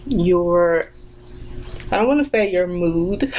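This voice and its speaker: A woman's voice: lowish voice, animated, takes it slowly, darkish tone, slight background noise, low-quality recording. A woman in her twenties chatting casually while doing her makeup, reflective and full of fillers and restarts. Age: 20s. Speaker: vlogger. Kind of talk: casual chat during a makeup tutorial.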